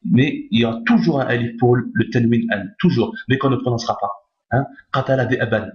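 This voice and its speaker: A man gives a step-by-step reading lesson, patient and repetitive, checking in after each rule. His voice sits in a roomy space with a dull, lo-fi tone. The pitch is middling. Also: moderate pace. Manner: patient, repeats each point, checks with "d'accord?". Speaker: Arabic reading teacher. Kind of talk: recorded lesson explaining on screen.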